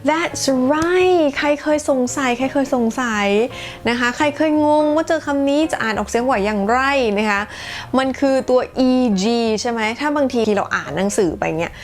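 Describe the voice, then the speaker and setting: A woman's voice: high voice, moderate pace, soft background music. A woman hosting her own channel, teaching English in a bilingual lesson with a chatty, playful, self-teasing manner and careful model sentences.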